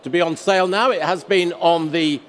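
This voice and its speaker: A man with a slightly high voice presents auction lots in measured, descriptive phrases. The sound carries the long reverb of a large indoor hall. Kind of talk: semi-scripted lot presentation commentary.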